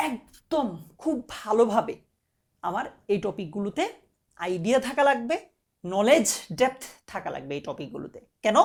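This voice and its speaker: A woman's voice: mid-range voice, mellow. A young woman tutor, giving a casual exam-prep lecture in a direct, coaxing way and often checking that students follow. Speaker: admission test tutor.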